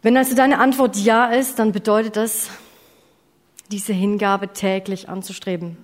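A woman preaches slightly slowly in a medium-pitched voice with fairly even intonation. She's earnest and direct, asks her listeners questions, and occasionally corrects herself and apologizes for slips. The sound has long hall reverb.

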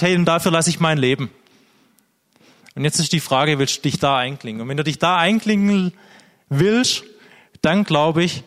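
A man's voice: on the high side, a bit bright, long reverb tail. A man preaching a sermon, speaking earnestly and directly to the congregation.

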